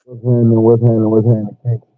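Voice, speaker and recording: A man's voice: mid-range voice, monotone, racing. A man calling in to a live stream, repeating his greeting and checking he can be heard, his voice echoing and muffled as if he were talking through a tunnel. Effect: muffled echoing sound, as if talking through a tunnel. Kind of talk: casual chat.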